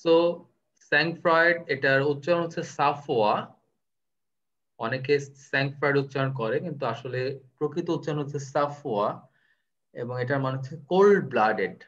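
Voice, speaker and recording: A man's voice: mid-range voice, a little fast, a bit bright, muffled recording. A man, teaching vocabulary in a live online class, playful and teasing, mixing in English words. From Bangladesh.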